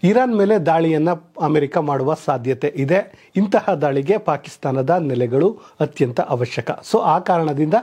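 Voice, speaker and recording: A man delivers a scripted news commentary in a somewhat high, husky voice with a mellow, dark tone. He keeps calling out to the viewers as friends, pushing his key points up in sudden emphatic bursts. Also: expressive, unhurried. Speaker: news presenter.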